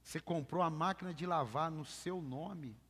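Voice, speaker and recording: A Brazilian-accented man preaching in church, his voice sitting a little high. He drives his points home emphatically and keeps calling on the congregation to repeat after him. The sound carries a long hall reverb. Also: normal speed, fairly bright tone, breathy edge. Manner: emphatic, calls for congregation repetition. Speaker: pastor. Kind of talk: sermon.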